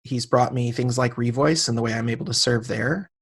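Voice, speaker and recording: A man in his late thirties, a guest on a podcast, tells a personal story in a relaxed conversational way. He acts out the voices of the people in his story, and his voice sits at an ordinary middle pitch. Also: a little fast, husky. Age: 30s.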